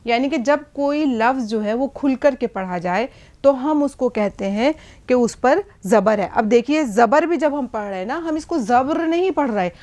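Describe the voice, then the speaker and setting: A woman's voice: high voice, expressive, normal speed, darkish tone. A middle-aged woman teaching a language lesson at a board, explaining patiently and often checking that listeners follow. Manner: patient explaining, frequent checks like "hai na?" and "theek hai". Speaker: Urdu teacher.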